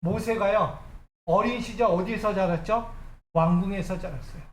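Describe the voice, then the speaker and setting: A man's voice: high-pitched, normal speed. A male pastor delivering a Sunday sermon, acting out the quoted lines in a dramatized voice. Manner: preaching with acted quotes of Moses. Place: church sanctuary. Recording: echoey church with faint ambience.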